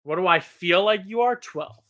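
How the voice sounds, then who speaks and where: A man in his thirties chats casually on a fan podcast. His voice is bright and clear. He rambles, restarts his sentences and pokes fun at himself. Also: high voice, moderate pace. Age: 30s. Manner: rambling, self-deprecating, with frequent restarts and laughs. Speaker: podcast co-host. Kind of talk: casual chat.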